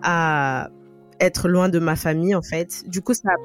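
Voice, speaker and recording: A woman in her twenties from Burkina Faso, a podcast guest talking in a relaxed, easy conversational way and thinking aloud. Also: on the low side, a little slow, soft background music. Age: 20s. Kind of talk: conversational interview.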